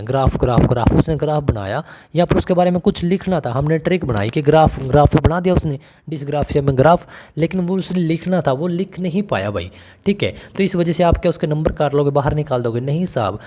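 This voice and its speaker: A man's voice: a little high, warm tone, slight background noise. A man teaching an online exam-prep lesson in a casual, conversational way, often calling the viewer brother and putting questions to them. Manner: conversational, calls the listener brother and asks questions.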